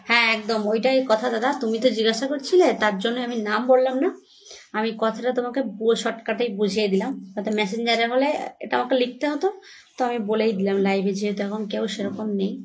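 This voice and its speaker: A woman's voice: mid-range voice, slight background noise. A young woman, chatting casually to viewers on a livestream from her home phone, still shaken and scared. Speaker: livestream host.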